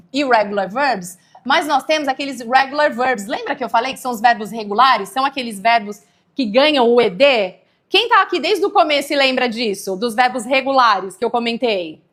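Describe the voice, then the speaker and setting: A woman's voice: on the high side, fairly bright tone. A woman from Brazil teaching English grammar in a live online lesson, explaining patiently and checking in with viewers often.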